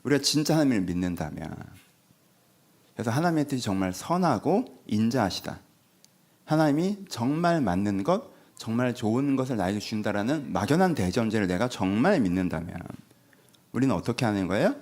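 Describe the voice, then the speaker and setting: A man's voice: medium pitch, a little fast. A male pastor giving a Sunday sermon in a conversational way, often asking the congregation questions and acting out dialogue. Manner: animated, conversational, acts out quoted dialogue.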